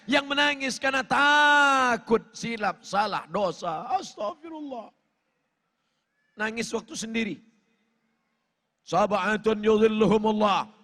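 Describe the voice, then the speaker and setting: A man preaches a fervent sermon, his appeals climbing into shouts. His voice sits high and rings bright and forceful. A long reverb trails each phrase through a large hall. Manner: fervent, rising to shouted appeals, with sung Arabic chants.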